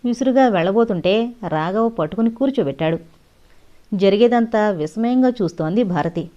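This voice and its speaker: A woman narrating an audio novel in an expressive storytelling style. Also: mid-range voice, normal speed. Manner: expressive reading. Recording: dull lo-fi audio.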